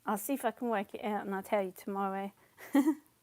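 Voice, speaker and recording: A woman chats casually while painting on a livestream, laughing often and answering comments, though her voice is partly lost and she coughs. She speaks briskly in a mid-range, darkish tone, with no echo.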